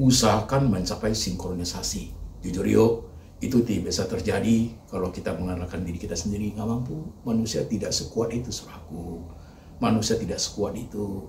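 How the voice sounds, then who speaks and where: A man's voice: on the low side, gravelly, darkish tone, slight background noise. A male pastor preaching a sermon, talking emphatically and repeatedly calling his listeners brethren. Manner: emphatic, repetitive, keeps addressing listeners as brethren. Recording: echoey hall, mic at a distance.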